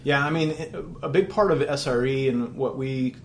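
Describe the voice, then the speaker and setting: A man's voice: mid-range voice, normal speed, reverberant, a little hiss or hum. A man speaking as a guest in a casual tech interview, explaining earnestly with many restarts.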